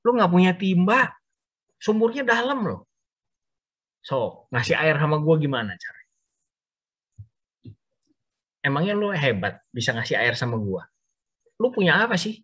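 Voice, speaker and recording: A man voicing a sassy, skeptical woman at a well with Betawi Jakarta slang, talking high and incredulous. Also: very animated, slow, pauses often, fairly bright tone, slightly rough, exaggerated voice.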